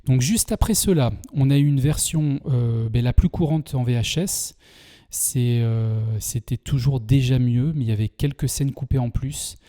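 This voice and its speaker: This casual film review comes from a French-accented man whose medium-pitched voice is mellow and moves at normal speed. His video commentary is chatty and hesitant, with many fillers and restarts.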